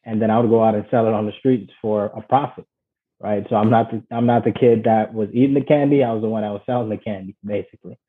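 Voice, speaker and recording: A man's voice: on the low side, fairly even intonation, fast. A man from Ghana, a guest on an interview show, telling his life story in an earnest, reflective way. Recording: tinny phone-like line.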